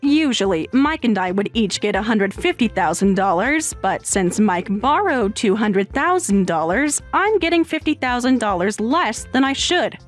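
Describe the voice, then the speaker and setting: A woman voicing a stern, scornful sister-in-law in a dramatized text story, low and measured. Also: big pitch swings, soft background music.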